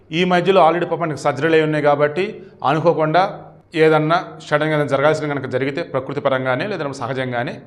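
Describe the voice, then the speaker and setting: A man giving emphatic political opinion commentary as a journalist, often asking rhetorical questions. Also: on the high side.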